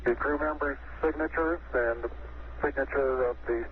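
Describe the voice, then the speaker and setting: Calm astronaut over helmet radio, tinny narrow band, light hiss, mid pitch. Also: male voice. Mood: steady. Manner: calm, measured radio talk with hesitations. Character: male astronaut on the lunar surface, calm and measured. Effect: helmet radio transmission.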